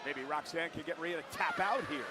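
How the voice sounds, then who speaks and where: A man's voice: a little high, fairly quick. A man calling live pro wrestling as play-by-play commentator, emphatic, naming each move in short bursts. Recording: very loud arena noise behind.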